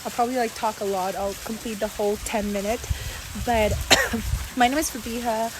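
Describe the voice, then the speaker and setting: A chatty young woman in her twenties talks through a casual about-me vlog, confiding and full of fillers. Her voice sits a little high. A steady hiss of noise runs under the recording. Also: moderate pace. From Saudi Arabia. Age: 20s. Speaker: content creator.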